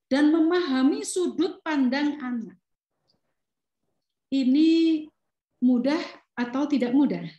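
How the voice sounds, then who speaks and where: A high-pitched woman speaker gives an animated parenting lecture. She asks the audience questions and acts out short scenes between parent and child. Her voice rings through an echoey hall. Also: slow, long pauses, highs cut off.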